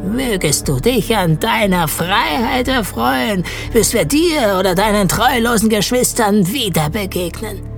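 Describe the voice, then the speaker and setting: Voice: mid-range voice, expressive, vocal fry, over music, pitched above the performer's own voice. A narrator doing a cold, stern elf. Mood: cursing. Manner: slow, cold, formal. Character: stern, vengeful elf of the woods. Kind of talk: audiobook reading.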